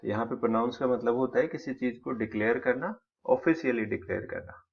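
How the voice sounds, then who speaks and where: A man talks through exam vocabulary at a middling pitch, working step by step through each word and its synonyms. The recording sounds slightly dull and lo-fi. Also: fairly quick, gravelly, husky. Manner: explains step by step, lists synonyms. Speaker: vocabulary teacher.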